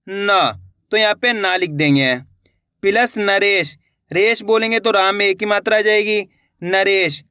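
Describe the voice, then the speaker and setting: A high, bright male voice teaches spelling to beginners. He breaks each word into syllables and repeats it patiently. The sound is smooth and dry, close to the mic. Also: no room sound. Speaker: Hindi teacher.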